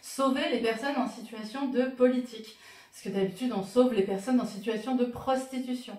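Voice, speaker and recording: A woman's voice: fairly high pitch, fairly even intonation, moderate pace, a little mellow, echoey room, recorded from a distance. A woman talking to camera about her own T-shirts, casual and wry, with plenty of fillers. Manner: wry, joking, many fillers. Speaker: vlogger showing her T-shirts.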